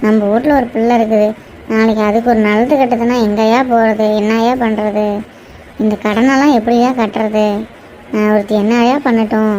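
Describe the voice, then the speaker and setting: A woman's voice: on the high side, moderate pace, slight background noise, lightly acted, low-quality recording. A woman voicing a distressed, tearful village wife in a cartoon drama, speaking in a with a pleading, reproachful tone. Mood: despairing. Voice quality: pleading, reproachful, flat despairing tone.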